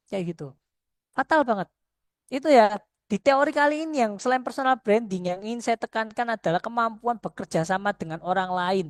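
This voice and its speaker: A woman's voice: fairly high pitch, no echo, studio quality. A middle-aged woman, a lecturer, giving a conversational workshop talk to students, earnest and repeating points for emphasis.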